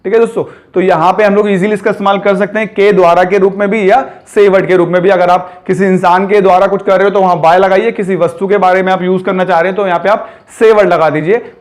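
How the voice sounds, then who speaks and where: A young man teaching English prepositions in a spoken Hindi lesson. He calls his viewers friends, says "theek hai" again and again, and slows down to say each English example clearly. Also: high-pitched, fairly even intonation.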